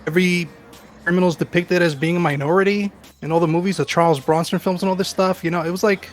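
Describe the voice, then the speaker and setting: A man's voice: high voice, steady tone, fast talker. Rambling New man, around forty. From Queens, New York. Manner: rambling, self-deprecating, many fillers. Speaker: guest. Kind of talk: casual chat.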